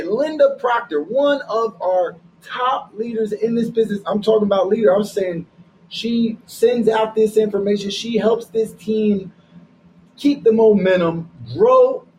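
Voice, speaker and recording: A man co-hosting a podcast, delivering an energetic, preachy pep talk with repeated catchphrases. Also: high-pitched, unhurried, a little hiss or hum, poor audio. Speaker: podcast co-host. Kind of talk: hyped promotional pep talk.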